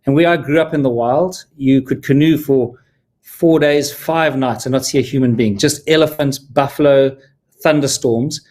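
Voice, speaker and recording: A man's voice: medium pitch, normal speed, a little mellow. A man from Zimbabwe hosting a live stream as a film producer, talking in an earnest, heartfelt way with small restarts. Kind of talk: casual live-stream talk.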